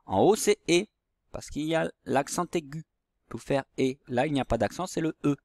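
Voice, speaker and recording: A man teaching young children handwriting step by step, in a slow, patient way. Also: a little high, a little mellow, no room sound. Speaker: primary school teacher.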